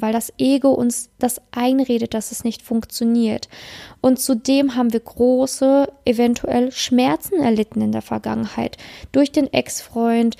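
High gravelly-voiced woman coaching listeners. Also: mellow. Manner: addresses listener directly, tag questions, acts out inner voices. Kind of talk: motivational self-help talk.

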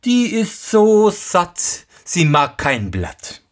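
A storyteller voicing a tailor's young son who answers eagerly and brightly. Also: medium pitch, huge pitch swings, very slow, voice pushed up, exaggerated voice.

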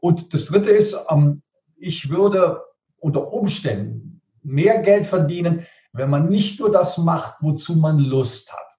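A man's voice: a little high, lively intonation, slow pace, warm tone. A man who works as a speaker and rhetoric coach, giving emphatic advice in an interview and hammering his points home through repetition. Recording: roomy, distant, dull sound.

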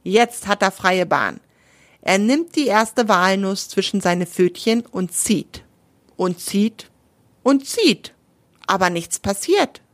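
A woman's voice: medium pitch, no echo. A woman narrating a children's animal story, stopping to explain words to young listeners.

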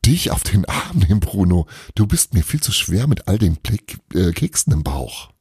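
A man's voice: deep voice, sing-song, moderate pace, a little mellow, breathy edge, no echo, clean studio sound, full character voice. A man reading a storybook aloud, voicing a cheeky girl who insists on her wild tales in a playful, teasing manner.

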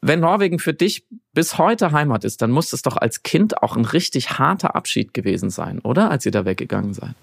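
Podcast host, gravelly voice, attentive follow-up questions, dry close sound. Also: medium pitch, big pitch swings, fairly quick, few pauses, no echo. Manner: attentive, asks follow-up questions, frequent listening noises. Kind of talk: interview questions.

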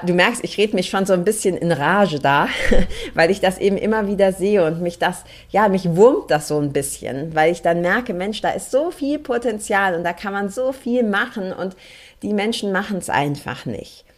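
Earnest woman coaching on a spiritual podcast. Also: lowish voice. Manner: earnest, emphatic, coaching listeners directly. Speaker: podcast host and card-reading coach. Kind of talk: solo spiritual podcast monologue.

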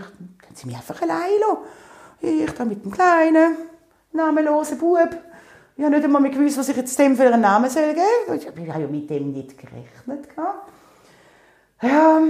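A woman with a Swiss German accent tells a personal story in a casual, animated way, often laughing and acting out her own past words. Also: a little high. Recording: echoey room.

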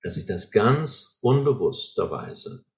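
An earnest man talks through his ideas as if teaching, with a fairly low voice. He keeps checking in with short questions to make sure the listener follows. The sound is roomy, with a clear echo around him. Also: sing-song, slow pace. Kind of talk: explaining, teaching conversation.

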